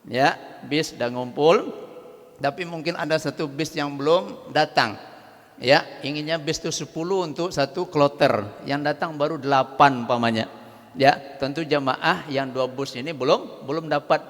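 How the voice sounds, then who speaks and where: A man giving a lively religious talk, speaking directly to his listeners and weaving in proverbs. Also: on the high side. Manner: lively, addresses audience directly, uses proverbs. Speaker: religious teacher. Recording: reverberant hall.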